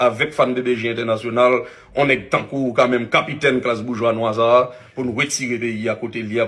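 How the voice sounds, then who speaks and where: Halting Haitian man apologizing. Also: medium pitch, fairly bright tone. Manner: halting, with many restarts. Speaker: influencer. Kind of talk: public video apology.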